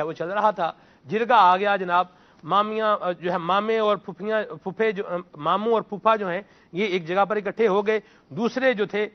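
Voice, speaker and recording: A man's voice: high voice, dull audio. A man hosting a religious TV panel discussion, relating an anecdote in a conversational way with many fillers. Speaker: talk show host.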